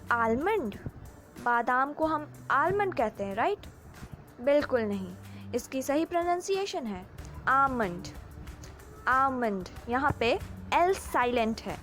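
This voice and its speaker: A young woman teaching English pronunciation, quizzing the listener on each word and correcting it with repeat-after-me drills. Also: high-pitched. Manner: drills words, asks and corrects, mixes Hindi and English. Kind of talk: pronunciation lesson.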